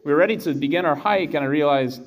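An American man in his thirties, a priest, reading scripture and giving a homily in measured, deliberate phrases. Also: on the high side, dull audio. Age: 30s. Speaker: priest preaching. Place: indoors, in a church.

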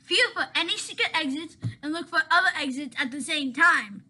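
A woman narrating and acting in a family mystery audio drama, talking in a quick, matter-of-fact way. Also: high-pitched, animated, sharp tone. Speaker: narrator and lead player.

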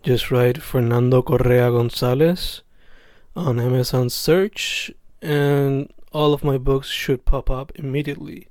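A man's voice: mid-range voice, fairly even intonation, slow pace, darkish tone, no room sound, clean studio sound. A man hosting a podcast, talking in a laid-back, slangy way. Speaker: podcast host. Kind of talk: casual podcast chat.

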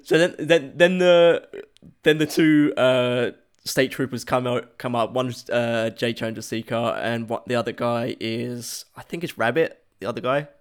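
Man, casual podcast co-host, mid-pitched, laughs through his retelling of a movie. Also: fairly even intonation, clear, resonant tone. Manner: laughs often while retelling scenes, halting restarts. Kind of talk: casual chat.

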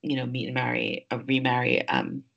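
A woman's voice: extremely low pitch, big pitch swings, fairly quick, creaky, fairly bright tone, muffled recording. A woman who grew up in New York hosts a podcast, speaking in a casual, reflective way with many fillers as she thinks aloud. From New York, United States. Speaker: podcast host.

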